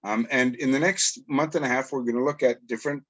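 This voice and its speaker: A man's voice: medium pitch, steady tone, brisk, fairly bright tone, highs cut off. A middle-aged man from Canada, a tour guide and educator, giving a chatty lecture over a video call and asking rhetorical questions. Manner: chatty, self-deprecating, asks rhetorical questions.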